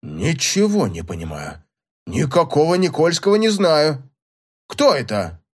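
A man's voice: fairly high pitch, wildly swooping pitch, a little slow, slightly rough, exaggerated voice. A man reading a story aloud and voicing an irritable, scornful old professor.

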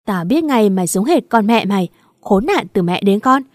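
A woman's voice: medium pitch, lively intonation, normal speed, no echo, clean studio sound, lightly acted. Woman putting on a screeching cruel mother-in-law. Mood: venomous, screaming. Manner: abusive, shouting insults.

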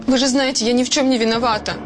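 A woman's voice: fairly high pitch, steady tone, quick pace, music in the background, close to an everyday voice. An actress playing a pleading, evasive female suspect who shifts the blame in a crime drama. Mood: pleading, defensive. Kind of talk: screen crime drama acting.

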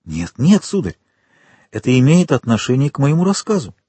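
A man doing an eager, high-voiced jailer. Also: normal speed, slightly rough, no echo. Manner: eager, excitable, pleading. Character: poor humble jailer, eager and amazed.

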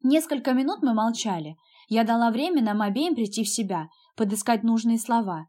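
Woman reading a novel in first person, pretty emotional, kinda high voice. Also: a little fast, warm tone. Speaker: audiobook narrator.

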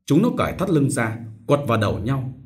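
Expressive male audiobook narrator. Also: medium pitch, a little fast. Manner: expressive storytelling. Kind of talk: scripted novel narration.

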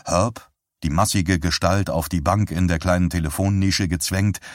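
A male audiobook narrator reads with a very deep voice in a steady, even manner. The recording is dry and close, with no room sound. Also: normal speed, no room sound. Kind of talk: scripted narration.

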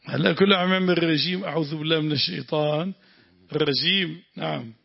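A man's voice: on the high side, fairly quick, creaky, breathy edge. A man with a Lebanese accent teaching Quran exegesis, explaining points and quizzing his students as the text is read. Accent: Lebanese Arabic. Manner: explains and quizzes the students, repeating words after the reader. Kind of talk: classroom commentary on a read text. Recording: dull lo-fi lesson recording.

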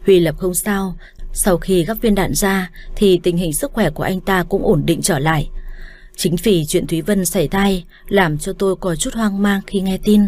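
A woman reading a first-person romance story aloud as an audiobook narrator, in a calm, measured way. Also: on the low side.

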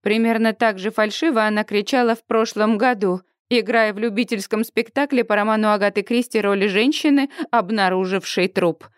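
A woman narrating a first-person audiobook in a lively, expressive way. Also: medium pitch, brisk, few pauses, clear, resonant tone, no echo, clean studio sound.

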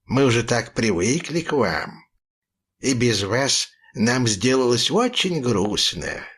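A man voicing a sly, hoarse pirate who speaks with oily, mock politeness in a storybook reading. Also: mid-range voice, big pitch swings, slow pace, a bit bright, full character voice.

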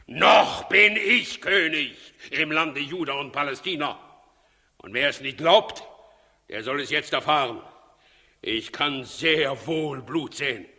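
Harsh, husky tyrant King Herod. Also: a little high, slow, sharp tone, exaggerated voice. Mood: furious, commanding. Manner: commanding, declamatory, menacing. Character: ruthless, brooding, aging King Herod, a bloodthirsty tyrant. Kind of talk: 1960s German radio drama acting. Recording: reverberant hall, 1960s radio studio.

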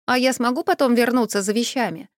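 A woman's voice: on the high side, no echo, clean studio sound, pitched above the performer's own voice, natural voice. Woman doing a timid young warlock man. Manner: hesitant, halting.

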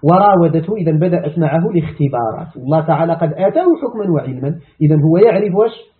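A man's voice: a little high, expressive, quick pace. A man with a Moroccan accent teaching Quran commentary in a religious lecture, explaining by repeating key words and asking rhetorical questions. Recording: narrow phone-like lo-fi sound.

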